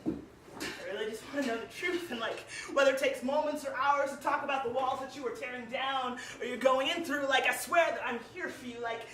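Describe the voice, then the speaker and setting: A woman's voice: sits high, a little fast, a bit bright, slight background noise. A young woman from Ohio performing spoken word poetry in a small venue, emphatic and emotional, with lots of "like"s. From Cleveland, Ohio. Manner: emotional, emphatic delivery with many "like"s. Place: small live music venue. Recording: roomy echo, heard from a distance.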